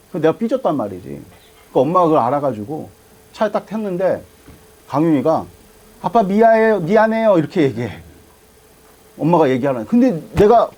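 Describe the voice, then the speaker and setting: A man's voice: on the high side, darkish tone, husky, poor audio. A man preaching a sermon as pastor, asking the congregation questions and answering them. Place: church sanctuary.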